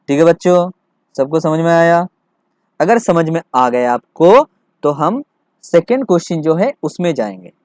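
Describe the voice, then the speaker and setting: A man's voice: on the high side, animated, unhurried, pauses often, darkish tone, no room sound. A male physics teacher working through a problem for students, repeating his checks, asking rhetorical questions and mixing in English terms. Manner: mixes English terms into Hindi.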